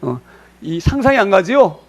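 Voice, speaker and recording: A male pastor preaching a sermon, slowing down on key words and asking the congregation rhetorical questions. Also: high-pitched, very animated.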